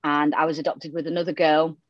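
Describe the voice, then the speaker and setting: Speaking briskly in a low, level voice, a Romanian-born woman with a Yorkshire accent chats as a podcast guest, open and casual, with lots of fillers. The recording is dry, yet muffled and dull.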